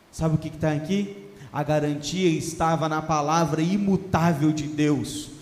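A man's voice: high-pitched, darkish tone, echoey room, big-room sound. A man preaching a sermon as pastor, calling out for responses and stretching words for emphasis.

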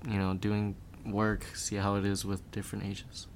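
A young man talks in a low voice, loose and rambling, his sentences full of "like" and "um." Faint hiss sits under the recording. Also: normal speed. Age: young adult. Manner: relaxed, rambling, full of filler words. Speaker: guest. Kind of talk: casual podcast chat.

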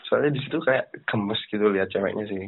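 Fast and gravelly, a low-voiced man calls in and tells a casual story over a tinny phone line, imitating the voices of the people he describes.

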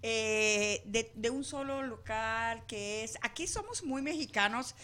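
Bright high-voiced woman radio host. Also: slow pace. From Venezuela. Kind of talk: casual studio chat. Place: radio studio.

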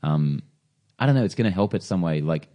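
Very deep-voiced excited podcast guy. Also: brisk, highs cut off. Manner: enthusiastic, laughs often, swears casually. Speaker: podcast co-host. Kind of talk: casual chat.

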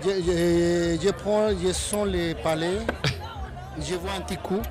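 A high-voiced man talks in a joking, stammering way, repeating himself. He is recorded outdoors at a park tournament. Loud music plays behind him. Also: fairly even intonation, takes it slowly. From Colombia. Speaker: palet player.

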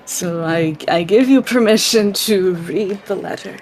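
A woman playing a tabletop role-playing game, describing her character's actions step by step in a measured way. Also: mid-range voice.

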